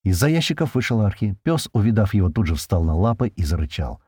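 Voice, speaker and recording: A man's voice: fairly low pitch, sing-song, fast, a little mellow, breathy edge, no echo, clean studio sound. A man narrating a first-person audiobook in a colloquial, slangy way.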